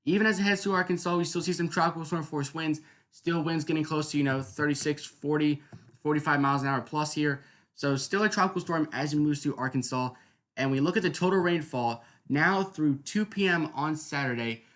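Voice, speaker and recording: This man speaks with a fairly high, fairly bright voice at a fairly quick clip. He's hosting a live weather stream, explaining things off the cuff in a chatty way and regularly checking in with his listeners, often seeking their agreement.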